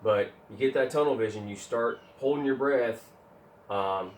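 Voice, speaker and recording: A man giving steady, explanatory advice on jiu-jitsu in casual instructional chat. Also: medium pitch, normal speed, slight background noise. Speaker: jiu-jitsu training partner. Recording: roomy, distant mic with faint gym ambience.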